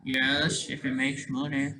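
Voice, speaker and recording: A person giving rambling off-the-cuff commentary in a halting, sarcastic way, restarting mid-thought and often checking with a questioning tag. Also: medium pitch, monotone, bright, forceful tone, poor audio.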